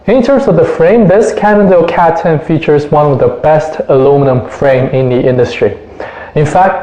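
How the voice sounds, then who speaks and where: A man's voice: medium pitch, mellow, highs cut off. A man hosting a review show, presenting in an upbeat, enthusiastic scripted way. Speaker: host of a bike review show. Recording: roomy echo, faint music.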